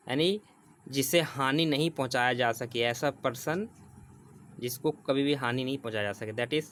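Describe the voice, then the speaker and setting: Male tutor, mid-pitched voice, patient and repetitive delivery, faint hiss in the background. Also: a bit bright. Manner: explains slowly with repetition, reads English definitions word by word. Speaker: teacher. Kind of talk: exam prep vocabulary lesson.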